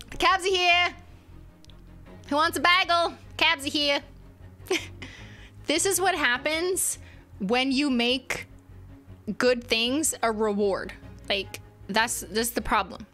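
A young adult woman hosts a casual livestream from her indoor home streaming room, reading chat playfully and teasingly while laughing often. Her voice is a little high and sharp, captured by a studio mic on a boom arm.

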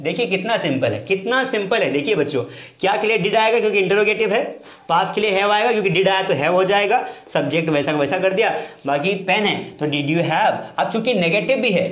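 A man's voice: sits high, echoey room. A man teaching spoken English, explaining step by step and answering his own questions, switching between Hindi and English. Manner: speaks in Hindi, mixing in English words and sentences. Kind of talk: classroom lesson.

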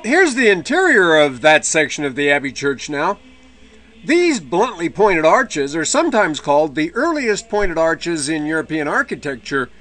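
Man, lecturer, recorded talk, slightly raised pitch, conversational, dry asides. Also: very animated, normal speed, fairly bright tone.

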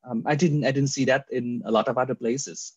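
Through dull, lo-fi webcam audio with no room sound, a Vietnam-born man speaks with a Vietnamese accent in his mid-range voice, steady and fairly quick. As an interview guest on a video call from an indoor room with a virtual background, he earnestly tells his personal story with many fillers and restarts.

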